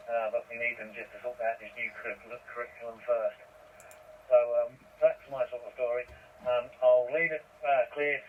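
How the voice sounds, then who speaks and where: A man's voice: medium pitch, slight background noise. Man with an Essex accent on radio. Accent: Essex English. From Essex, England. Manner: relaxed, chatty, many fillers. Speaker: radio net controller. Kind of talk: amateur radio chat with call signs. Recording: distant, muffled radio transmission.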